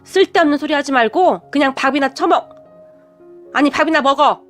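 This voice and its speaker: A blunt, sharp-tongued mother-in-law, as a woman puts her on in a radio story, scolding her grown daughter without mercy. She speaks a little lower than the narrator, with faint music underneath. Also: moderate pace, natural voice.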